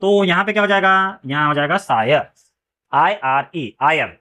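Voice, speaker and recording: A man with a high-pitched voice teaches English phonics in the manner of a classroom lesson. He poses a question after nearly every word and then answers it himself. He often follows a point with a quick check that everyone is with him. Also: lively intonation, pushed and bright.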